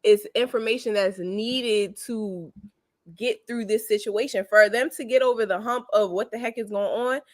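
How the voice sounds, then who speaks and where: A woman co-hosting a casual chat, talking in an expressive, emphatic way and acting out what people should have said. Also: medium pitch, normal speed, dry recording, clean studio sound. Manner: expressive, emphatic, acts out quotes. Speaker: co-host of a reality TV recap channel.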